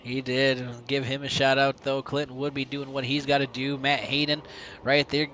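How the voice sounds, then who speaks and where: A man calling a sim race as play-by-play commentator, talkative and building excitement toward the finish. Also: mid-range voice, normal speed, highs cut off.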